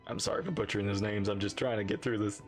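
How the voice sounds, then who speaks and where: A woman doing casual, expressive reaction commentary as she plays a video game and reads its dialogue. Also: extremely low pitch, fast talker, gravelly. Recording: faint game music behind.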